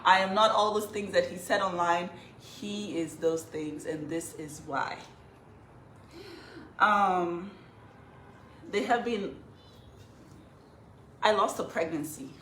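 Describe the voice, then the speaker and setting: A woman's voice: lowish voice, slow, long pauses, a bit bright, slight background noise. A woman telling her own story in a confessional vlog, earnest, emotional and emphatic. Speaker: vlogger telling her side of a breakup. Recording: echoey room.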